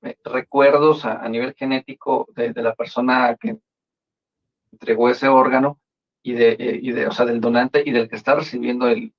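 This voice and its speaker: A man's voice: mid-range voice, fairly even intonation, moderate pace. A man speaking as a guest in a live-stream discussion, hesitant and repeating words as he thinks, over a video call. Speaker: panel guest. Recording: dull lo-fi video call audio.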